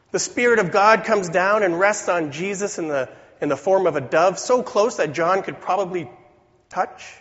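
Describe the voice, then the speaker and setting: A man with a voice weakened by a cold, preaching a sermon in an earnest, deliberate way with rhetorical questions. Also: sits high, a bit bright. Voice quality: weak voice from a cold. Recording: dull recording in reverberant hall.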